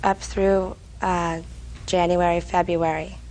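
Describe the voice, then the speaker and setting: Low, even-toned woman defendant. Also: takes it slowly, a little hiss or hum, low-quality recording. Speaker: defendant in TV court. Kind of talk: unscripted courtroom testimony.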